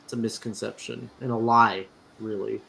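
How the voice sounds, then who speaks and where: A man hosting a casual livestream chat over a video call, with a dry, self-mocking, low-key way of talking. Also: little pitch movement, normal speed, vocal fry, a bit bright, a little hiss or hum. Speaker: livestream host.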